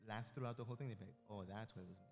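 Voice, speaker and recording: A man's voice: on the low side, racing, darkish tone, soft background music. A young man co-hosting a podcast, chatting casually in slang and ribbing his friends. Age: young adult. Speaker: podcast co-host. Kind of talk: casual banter.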